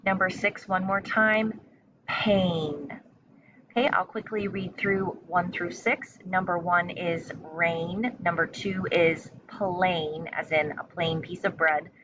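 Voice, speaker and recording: A woman's voice: on the low side, steady tone, unhurried, hardly any pauses. A woman teacher giving a spelling lesson and dictation, enunciating carefully and repeating in an encouraging, instructional way. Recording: muffled lo-fi sound with faint noise.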